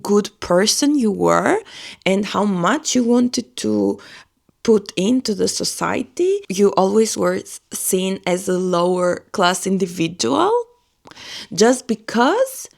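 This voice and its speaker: In a personal vlog, an Albanian woman whose first language is Albanian reflects earnestly, groping for words. She speaks slowly in an animated, creaky, mid-range voice.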